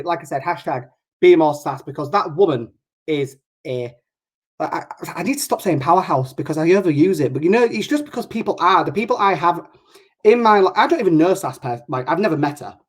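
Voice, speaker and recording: A man's voice: on the high side, expressive, fairly quick. A man with a northern English accent chats casually as an online show host. He rambles along and often breaks off his own sentences to start again. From Hull, England. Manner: chatty, rambling, self-interrupting. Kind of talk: casual chat.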